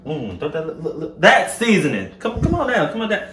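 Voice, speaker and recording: Speaking a little fast at a fairly high pitch, a Southern-accented Louisiana man in his twenties hosts a home cooking vlog, sassy, playful, and animated as he throws casual slang at viewers. The camera sits a step or two away in his home kitchen, where the sound echoes and some background noise creeps in.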